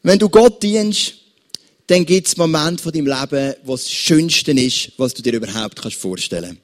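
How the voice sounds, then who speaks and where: A man with a Swiss German accent, preaching a sermon as pastor and addressing his listeners with lively examples. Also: on the high side, moderate pace.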